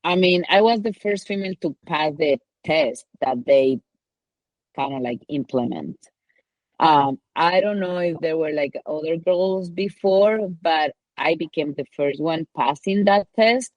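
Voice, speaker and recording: A woman's voice: deep voice, a little slow, a little mellow, no echo, lo-fi sound. A woman from Ecuador with a Spanish accent, a mountain guide telling her story in a casual interview, rambling with many "like" and "you know" fillers.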